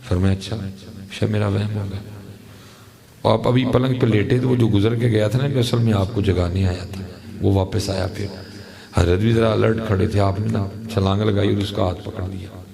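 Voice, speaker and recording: A man's voice: fairly low pitch, steady tone, creaky, dark tone. A man preaching a sermon, telling a story with acted dialogue and chanted verse.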